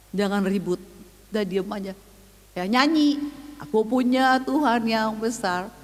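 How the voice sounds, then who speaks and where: Older woman preaching in an echoing hall. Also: mid-range voice. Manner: lively storytelling, switching voices for quoted people. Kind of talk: testimony sermon. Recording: long hall reverb.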